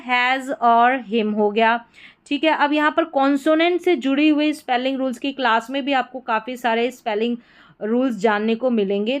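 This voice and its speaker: Woman, patient teacher, smooth clear voice, a little higher pitched. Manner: patient, repeats points in several words. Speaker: English teacher. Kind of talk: explaining spelling and pronunciation rules.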